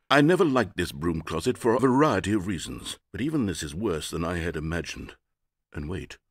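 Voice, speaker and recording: A man's voice: a little high, no room sound. A man voicing a sardonic, condescending narrator in a video game, with dry, mocking delivery. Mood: mock dramatic.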